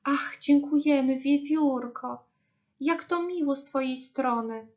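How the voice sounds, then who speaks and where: A woman's voice: on the high side, sing-song, slow pace, muffled recording, pitched above the performer's own voice. Woman voicing an eager little rabbit. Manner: eager, pleading. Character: greedy, well-meaning little rabbit.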